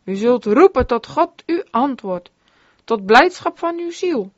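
Woman reading a sermon, fairly high voice. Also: big pitch swings, no echo. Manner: earnest, measured reading. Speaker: sermon reader. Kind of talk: read-aloud sermon in old-fashioned biblical language. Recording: dull, dry lo-fi recording.

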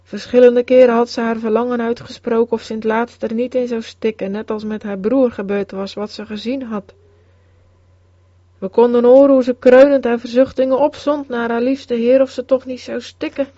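A woman reading aloud a devotional account in a solemn manner, slowing down for the quoted prayers. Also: a little high, steady tone, dark tone, no echo, dull audio. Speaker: reader.

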